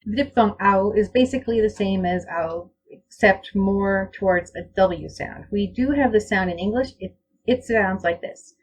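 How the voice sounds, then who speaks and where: A woman lecturing on pronunciation over slides, reading example words out one by one, slowly and deliberately. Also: mid-range voice, a little hiss or hum, low-quality recording. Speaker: language teacher.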